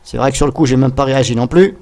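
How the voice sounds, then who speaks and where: A man narrating a casual software tutorial, thinking aloud as he goes and talking to viewers with frequent hesitant fillers. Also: mid-range voice, racing. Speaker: tutorial host.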